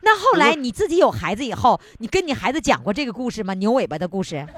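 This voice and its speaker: A woman's voice: a little high, sing-song, quick pace, a bit bright. A woman hosting a casual interview, teasing and inquisitive. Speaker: host.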